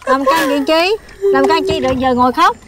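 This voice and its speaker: A woman's voice: very high-pitched, very animated, normal speed, heavy background noise. Scolding Southern Vietnamese mother. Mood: lecturing. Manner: scolding, lecturing. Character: fussy scolding mother giving folk advice. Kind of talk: comedy film acting.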